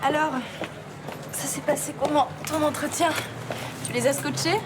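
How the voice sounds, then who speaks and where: A woman's voice: sits high, fairly even intonation, moderate pace, loud music behind the voice, lightly acted. An actress playing an upbeat young woman cheering up a friend in a TV soap drama. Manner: encouraging, breezy.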